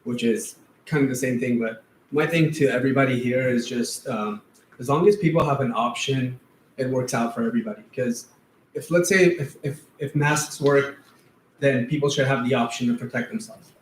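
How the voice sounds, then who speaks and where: A man's voice: medium pitch, normal speed. A middle-aged father from Afghanistan giving informal, hesitant public comment at a school board meeting, full of ums. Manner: informal, hesitant, lots of fillers. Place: large meeting room. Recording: echoey room, faint noise.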